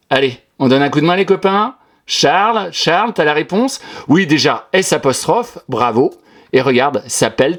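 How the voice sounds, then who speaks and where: Lively encouraging male schoolteacher. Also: a little high. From France. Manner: lively, encouraging, sing-song teacher voice. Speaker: primary school teacher. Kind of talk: correcting a pupil's dictation for a class.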